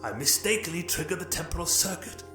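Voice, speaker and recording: A man's voice: on the high side, animated, fast, pitched above the performer's own voice. The Doctor, a man voicing a fussy genteel alien time traveller. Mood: breezy. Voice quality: polite, fussy, old-fashioned English phrasing. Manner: soft and breezy, explaining with many "well"s. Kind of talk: audiobook character voice. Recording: roomy echo, distant mic, faint music.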